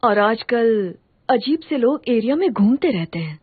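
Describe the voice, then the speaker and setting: An actress playing a worried, scolding woman in a dubbed drama, husky and bossy. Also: on the high side, sing-song, unhurried, heavily acted. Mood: concerned. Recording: muffled phone-like sound.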